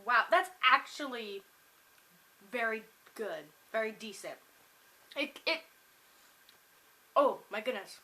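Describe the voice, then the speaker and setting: A young woman vlogs from her kitchen in an upbeat, rambling way, her voice bright and a little high. She trails into fillers and restarts as she talks to the camera. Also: lively intonation, takes it slowly, pauses often. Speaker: food vlogger. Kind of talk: casual chatty vlog. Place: home kitchen.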